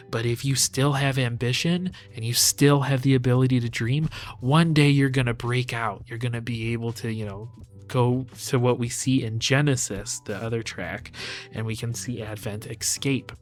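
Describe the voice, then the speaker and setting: A man's voice: mid-range voice, steady tone, moderate pace. Musing male host breaking down lyrics. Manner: musing, loose, full of "like" and "sort of" hedges. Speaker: host of a lyric analysis show. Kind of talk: casual analytical commentary.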